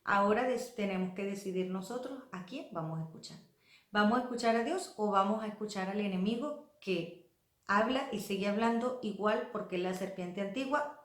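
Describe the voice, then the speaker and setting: Earnest woman preaching in an echoey hall. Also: medium pitch. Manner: earnest, pleading, acts out quoted voices. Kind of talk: sermon. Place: church hall.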